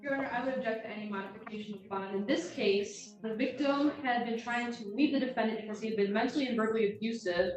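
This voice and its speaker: A fairly high-voiced woman argues for the prosecution in a measured, formal tone. She is heard on a courtroom recording, picked up from a distance in a very echoey room, with faint music beneath.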